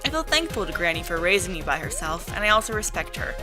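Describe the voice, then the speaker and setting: A woman's voice: on the low side, big pitch swings, quick pace. A woman reading first-person visual novel narration as an amateur voice-over. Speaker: narrator and reader. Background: music.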